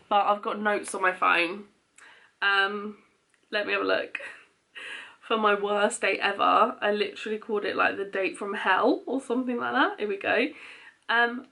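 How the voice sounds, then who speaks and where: Creaky-voiced young British woman, chatty. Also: mid-range voice, fairly bright tone. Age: young adult. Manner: candid, rambling, frequent "like". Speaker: vlogger. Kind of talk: casual chatty Q&A to camera.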